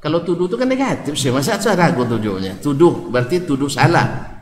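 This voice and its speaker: A man preaches in an Ocu Malay accent with a lively, swinging voice, quizzing his listeners and slipping in jokes. His voice sits a bit high for a man. The recording rings with long hall reverb over faint ambience. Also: brisk, a little hiss or hum. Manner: lively, jokes with the audience, asks questions. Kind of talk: Islamic study lecture.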